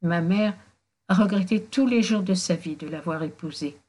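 A woman voicing a remorseful young man who drinks, speaking sadly in halting phrases in a storybook reading. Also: fairly low pitch, darkish tone, natural voice. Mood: confessing. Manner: halting, contrite, sad.

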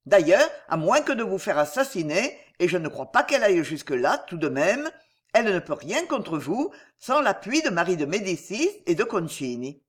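An audiobook reader voicing a forceful, insistent male adventurer giving urgent advice in a historical novel. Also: mid-range voice, big pitch swings, moderate pace, husky.

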